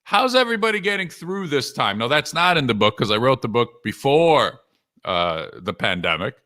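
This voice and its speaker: His mid-range voice has a sharp edge and big pitch swings, and he moves at a moderate pace. This sales coach and author hosts a live webinar, chatting with viewers in clipped phrases and asking lots of rhetorical questions.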